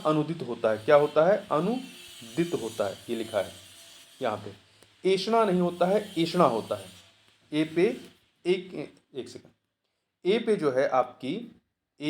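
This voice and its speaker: A man's voice: fairly high pitch, darkish tone. A man working through the answers of a Hindi exam practice test as tutor, asking questions and then answering them himself, going over each answer step by step. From India.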